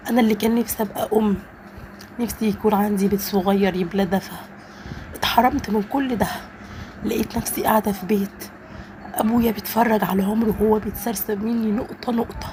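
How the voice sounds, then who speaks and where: A woman's voice: medium pitch, steady tone, fast, background noise. A woman with an Egyptian Arabic accent, narrating a first-person story in an earnest, emotional way.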